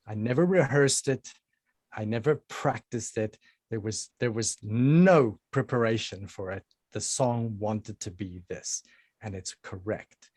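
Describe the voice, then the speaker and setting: A musician answering interview questions bluntly over a laptop microphone, with plenty of fillers. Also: male voice, lowish voice, measured pace, a little mellow, husky, no room sound, studio quality. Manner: blunt and defiant, with many fillers. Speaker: musician guest. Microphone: laptop microphone on a call.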